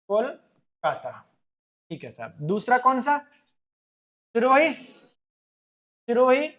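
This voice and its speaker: A man with a Rajasthani Hindi accent teaches a class in a classroom, speaking loudly and emphatically. He talks at an unhurried pace and drills words out syllable by syllable. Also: very high-pitched, dull audio. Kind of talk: classroom lecture with memory trick.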